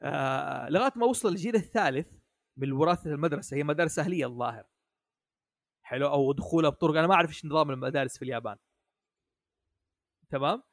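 A man's voice: on the high side, no room sound, clean studio sound. A man, a guest in a casual chat about an anime, who talks with many restarts and keeps checking in with his listeners. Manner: hesitant, many restarts, asks "حلو؟" often. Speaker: podcast guest.

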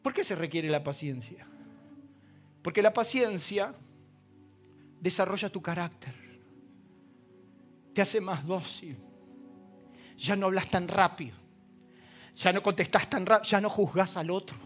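A man with an Argentine accent preaching a sermon as pastor. He tells stories, acting out the quoted dialogue and swinging from loud emphasis to hushed asides. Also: high voice, measured pace, pauses often, soft background music. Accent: Argentine Spanish. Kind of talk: sermon with told anecdotes.

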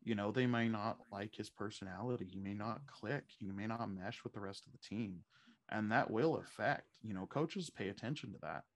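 A man's voice: fairly low pitch, moderate pace. A man co-hosting a fantasy football podcast in casual chat, thinking aloud and often restarting his sentences.

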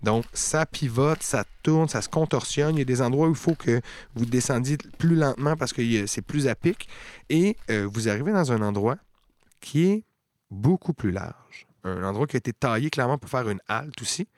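A man with a Quebec French accent, narrating a tabletop game as game master in an unhurried, descriptive way. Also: medium pitch, animated, a little mellow, no echo. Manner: descriptive, unhurried storytelling with many fillers.

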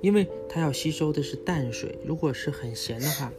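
An adult man talks his young child through a book about animals in a relaxed, step-by-step way, checking in with little questions. His voice is on the high side and fairly quick, set against background music.

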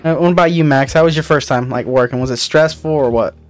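A man's voice: medium pitch, fast talker, faint music behind. A young man hosting a casual podcast with friends, rambling through stories with lots of swearing and restarts. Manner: rambling, profane, restarts often. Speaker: podcast host. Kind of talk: casual chat among friends.

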